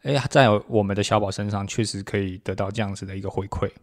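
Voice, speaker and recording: A man's voice: lowish voice, steady tone, fast. A man with a Taiwanese Mandarin accent, co-hosting a casual chat and slipping into Hokkien phrases. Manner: repeats confirmations, switches into Taiwanese Hokkien phrases. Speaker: podcast co-host, parent.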